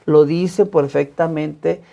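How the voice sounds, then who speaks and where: Un hombre religioso católico que cuenta su testimonio de fe en una entrevista, de manera sincera y con repeticiones enfáticas. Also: male voice, on the high side, fairly even intonation, slow pace, creaky, warm tone. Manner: earnest, emphatic repetitions. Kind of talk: personal faith testimony in conversation.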